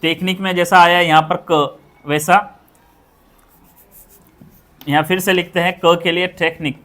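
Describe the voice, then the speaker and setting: A woman with an Indian accent teaching English pronunciation, repeating each word several times and asking quick questions to check the class. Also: on the low side, steady tone, fairly bright tone. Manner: drills words by repeating them, asks quick check questions. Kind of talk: pronunciation lesson.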